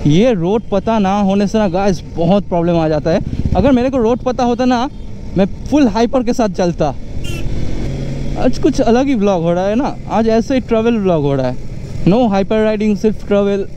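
A young man, chatting excitedly to his viewers while riding a motorcycle through city traffic. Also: high-pitched, normal speed, dull audio. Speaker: motovlogger. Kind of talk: casual running commentary while riding. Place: outdoors on busy city roads, riding a motorcycle. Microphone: action camera on the rider. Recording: loud road and engine noise.

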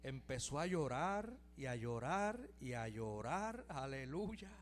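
A middle-aged man from Puerto Rico preaches a fervent testimony in church as an evangelical sermon, sprinkling in plenty of hallelujahs. He has a mid-range, sing-song voice and a slow delivery, with slight background noise.

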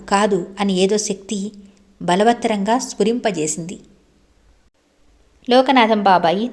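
A woman's voice: mid-range voice, darkish tone. Woman reading a devotional audiobook. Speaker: audiobook narrator. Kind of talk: scripted audiobook narration.

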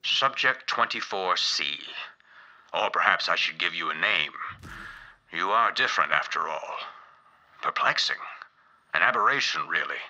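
An actor playing a calculating villain scientist in a video game, formal and clinical, musing with quiet menace. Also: male voice, on the low side, rough recording. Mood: menacing curiosity. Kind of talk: video game character acting.

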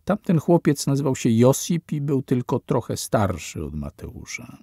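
A man reading a story as audiobook narrator, in slow, measured scripted narration whose lines fall away quietly at the end. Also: mid-range voice, big pitch swings, gravelly, husky, no room sound, studio quality.

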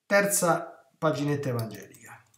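Animated priest preaching in a roomy space. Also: male voice, fairly high pitch, normal speed. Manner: animated, emphatic, with rhetorical questions to the listeners. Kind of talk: retreat sermon. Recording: roomy echo.

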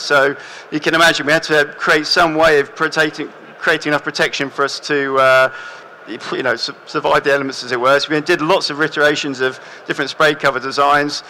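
A young man presents on stage in a large hall, chatting through his slides in a relaxed way with plenty of fillers and restarts. His voice is bright and fairly high for a man, with a faint hiss behind it. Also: quick pace.

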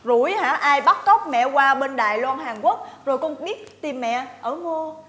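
An actress playing a fussy, nosy, dramatic daughter-in-law in a TV comedy sketch. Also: female voice, sits high, lively intonation, moderate pace, fairly bright tone, reverberant. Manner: whiny, dramatic, prying questions. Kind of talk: TV sitcom acting.

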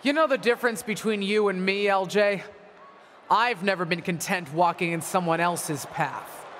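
An actress playing a bitter, proud middle-aged wrestling legend in a video game, delivering a taunting, theatrical wrestling promo. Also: female voice, medium pitch, normal speed, a bit bright, natural voice. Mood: scornful. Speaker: returning wrestler, former champion and manager. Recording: arena ambience noise behind voice.

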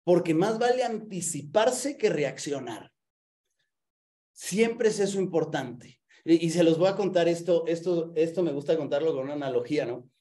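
A man hosting a live online business masterclass, energetic, asking the audience questions and acting out stories with sound effects. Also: a little high, normal speed.

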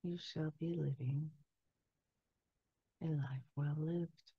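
A woman in her sixties speaking as a trance medium, solemnly delivering a spiritual message in measured phrases with long pauses. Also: sits low, steady tone, husky, no room sound. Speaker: trance channeler. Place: small candlelit room indoors. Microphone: headset boom mic. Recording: dull, lo-fi headset sound.

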